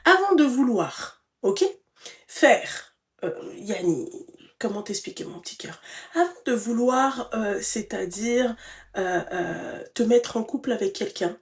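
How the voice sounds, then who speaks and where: A woman's voice: on the high side, a little slow. Blunt, familiar woman streamer giving advice. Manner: blunt, familiar, endearments, animated outbursts. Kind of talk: casual live advice chat.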